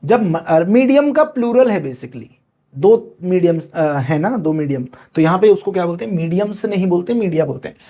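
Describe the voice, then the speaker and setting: A male teacher giving a classroom lecture, dictating key phrases slowly word by word and answering his own questions. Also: high voice, lively intonation, warm tone.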